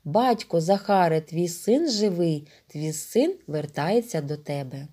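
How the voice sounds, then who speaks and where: A woman's voice: lowish voice, lively intonation, measured pace, dark tone, breathy edge. Woman reading a fervent young man; emotional, wide-ranging delivery. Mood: anguished. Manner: emotional, pleading outbursts. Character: young male hero, anguished and loving son.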